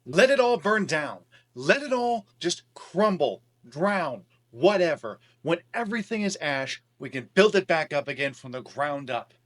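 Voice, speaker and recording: A man's voice: fairly high pitch, sing-song, unhurried, few pauses. A man playing a dismissive, defeatist protest voter in a scripted political skit where he argues with himself. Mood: fed up. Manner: arguing with himself in a staged two-sided debate.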